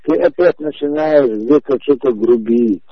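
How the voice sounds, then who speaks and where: A man in his forties arguing over the phone, calmly insistent and repeating himself to drive each point home. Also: medium pitch, measured pace. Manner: insistent, repetitive, calmly emphatic. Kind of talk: heated phone conversation. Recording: muffled phone-call audio.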